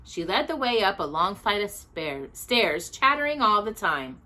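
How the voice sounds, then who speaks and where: A woman reads a children's storybook aloud, narrating expressively in a mid-range voice at a moderate pace.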